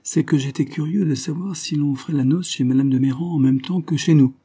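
A man reading the part of a stern, authoritative old soldier in a measured, solemn manner. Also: on the high side, mellow, breathy edge, pitched above the performer's own voice.

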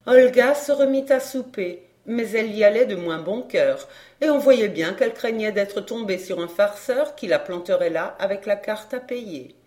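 A woman reading a classic novel aloud as narrator, steady and measured. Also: mid-range voice. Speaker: audiobook reader.

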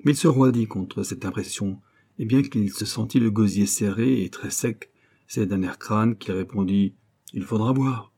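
A man with a low, dark, mellow voice narrates a novel as an audiobook. His delivery is steady and even, told in a scripted storytelling style. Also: moderate pace, gravelly, husky.

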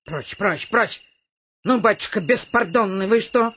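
In a comic radio play, an older actress portrays an excitable, domineering old lady, delivering her lines in a theatrical, bossy, exclaiming way. Her natural voice is medium-pitched and unhurried, with background noise present.

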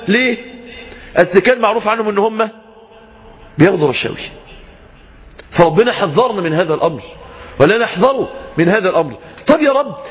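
A man's voice: high-pitched, a bit bright, husky, in a large hall. A man with an Egyptian accent preaching a sermon, asking rhetorical questions and acting out the people he quotes. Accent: Egyptian Arabic. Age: young adult.

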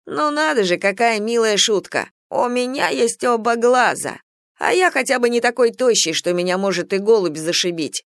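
A reader voicing a cheeky young male soldier who mocks his comrades in a high, teasing voice. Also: lively intonation, normal speed, hardly any pauses, a bit bright, no room sound, clean studio sound, close to an everyday voice. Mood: mocking. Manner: high-pitched and mocking.

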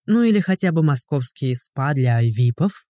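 A narrator voicing a sharp-tongued, quarrelsome young woman who mocks a man in an audiobook. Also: extremely low pitch, expressive, normal speed, dry recording, studio quality. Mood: sarcastic. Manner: sarcastic, mocking. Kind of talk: audiobook character voice.

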